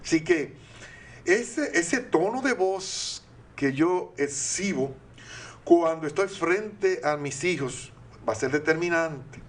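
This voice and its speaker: High-voiced older Dominican man. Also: animated, slow pace. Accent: Dominican Spanish. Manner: earnest and didactic, with rhetorical questions. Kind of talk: advice talk.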